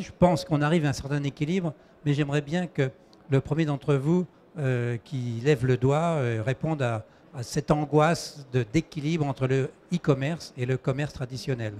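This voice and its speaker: A man's voice: a little high, darkish tone, slight background noise. A man moderating a panel discussion, posing questions hesitantly and restarting his sentences.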